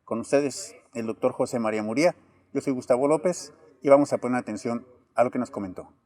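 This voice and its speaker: A man hosting an interview with a warm, dark voice. He introduces his guest formally and asks questions with earnest care, stopping often on fillers. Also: mid-range voice, brisk. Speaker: interviewer, host.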